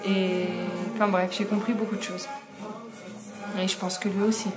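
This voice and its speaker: A woman's voice: mid-range voice, level tone, normal speed, loud music behind the voice. A young woman telling a story in a casual vlog, chatty, with many fillers and frequent laughs. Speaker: vlogger.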